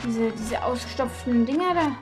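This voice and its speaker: Woman gamer, high-pitched, frustrated and excitable, faint game music under her voice. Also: moderate pace. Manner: excitable, swears and shrieks in frustration. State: out of breath. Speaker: let's play gamer. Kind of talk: live game commentary.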